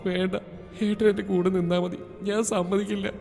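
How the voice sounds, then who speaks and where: A frightened young woman in a hospital bed, pleading in a high, soft, tearful voice, as a male storyteller puts her on. The reading carries a long echo with faint music behind. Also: level tone, brisk, vocal fry.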